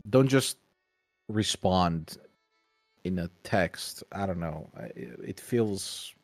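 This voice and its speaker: Co-host, male, low voice, rambling and hesitant, dry mic, faint music bed. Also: lively intonation, slow pace, no room sound. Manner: rambling, hesitant, many restarts. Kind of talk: casual chat.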